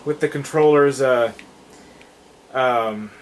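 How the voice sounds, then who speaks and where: A man's voice: medium pitch, slow pace, slight background noise. A tired young man hosting a casual let's play, rambling and trailing off with fillers as he comments on the game.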